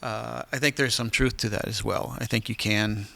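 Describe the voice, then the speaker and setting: A man's voice: on the low side, fairly even intonation, moderate pace, gravelly, sharp tone, dry recording. A man hosting a podcast, chatty and prompting his guest with questions and rambling asides. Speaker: podcast host. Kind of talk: casual interview chat.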